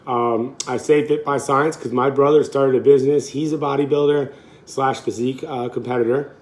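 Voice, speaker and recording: In his home cooking vlog, a man in his late 30s who works as a fitness coach talks loosely, fixing his own slips with easy laughter. He speaks at normal speed in a steady, mid-range voice.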